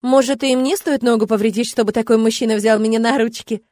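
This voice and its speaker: Brief: bubbly teasing student girl, as the narrator voices her, slightly high. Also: steady tone, fast talker, mellow, no room sound, lightly acted. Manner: playful, teasing. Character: teasing young blonde female student.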